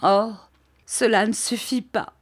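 A woman's voice: medium pitch, fairly even intonation, slow, slightly rough, pitched above the performer's own voice. A woman voicing a tearful, remorseful young woman who pleads through sobs in an audiobook. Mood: remorseful sobbing.

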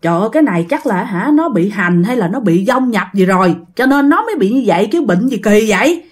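A woman voicing fearful older village folk in a told ghost story, speaking in a hushed, uneasy way. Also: medium pitch, expressive, a little fast, natural voice.

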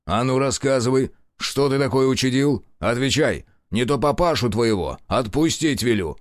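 A man's voice: medium pitch, expressive, normal speed, no echo, studio quality, natural voice. A man voicing a stern male police official who barks orders and questions curtly, in an audiobook. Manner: barking orders, curt questioning.

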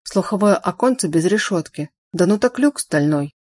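A woman voicing a frightened grey-haired old innkeeper who talks in anxious, hoarse bursts. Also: on the low side, lively intonation, moderate pace, a little mellow.

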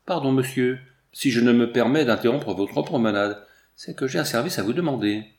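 A man's voice: medium pitch, moderate pace, natural voice. A man voicing a huge, mustached, indignant husband who talks in a blustering, insistent way, read in an echoey room.

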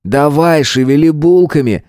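A man's voice: medium pitch, animated, a little slow, mellow, no echo, clean studio sound, voice pushed up, lightly acted. A man reading an audiobook voices a cold, contemptuous armed man who barks orders and sneers. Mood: sneering.

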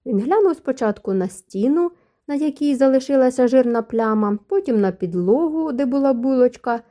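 A woman narrating an audiobook in an even storytelling manner. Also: high-pitched, moderate pace. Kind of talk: scripted narration.

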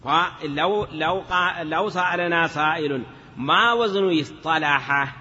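Male teacher, patient classroom lecturer, bright tense voice, roomy lo-fi lecture recording. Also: on the high side. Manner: patient, explanatory, checks understanding with short questions; sounds words out slowly, syllable by syllable. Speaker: teacher of Arabic morphology.

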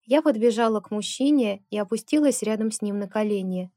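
A woman's voice: brisk, dry recording, studio quality. A woman narrating a first-person novel as an audiobook, giving the characters their own voices. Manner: voices characters with raised pitch and loudness.

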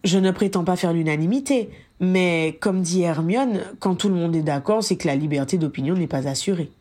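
A dry, self-mocking grown wizard who brushes off trouble with sarcastic understatement, read by a woman in her own fairly low voice. The lines come from an audiobook of a fan story. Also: normal speed, darkish tone, lightly acted. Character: Harry, grown man, wry and self-mocking auror. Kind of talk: audiobook reading.

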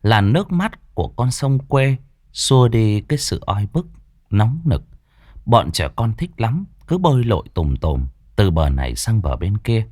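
Guy telling a village ghost story, pitch all over the place, dry close sound, faint music behind. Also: big pitch swings, a little slow, darkish tone, no echo. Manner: dramatic storytelling.

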